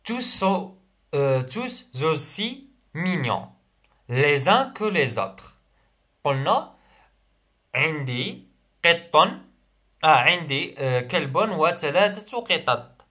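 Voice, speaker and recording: A young male French teacher with an Algerian accent gives a revision lesson for primary school pupils. His pitch rises and falls with a lively, animated lilt. He reads each example slowly, repeats it, and then translates it.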